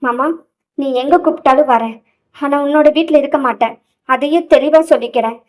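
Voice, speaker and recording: A woman voicing a tearful young wife who pleads softly, in an audio novel. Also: high voice, fairly quick, lightly acted. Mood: pleading.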